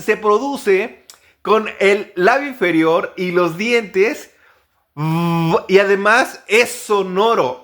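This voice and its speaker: A man's voice: sits high, a bit bright. A man from Mexico with a Mexican Spanish accent, giving a pronunciation lesson and repeating each practice word several times. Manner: slow, repeats words many times as drills. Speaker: English pronunciation teacher.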